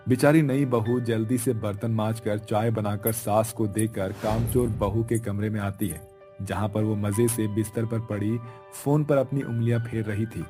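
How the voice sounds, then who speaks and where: A man narrating a cartoon story in a measured, storytelling manner. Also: fairly low pitch, fairly even intonation, music in the background.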